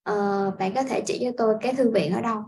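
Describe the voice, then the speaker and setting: A Vietnamese woman, an English teacher, gives a casual language lesson, working through it step by step at an unhurried pace and using lots of filler sounds. Her voice is a little high and a little mellow, and the recording is rough.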